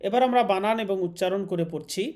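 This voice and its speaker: Brief: male Quran-reading teacher, Bangladeshi Bengali accent, high, soft tone, slow drawn-out letter drills. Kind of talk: online class lesson.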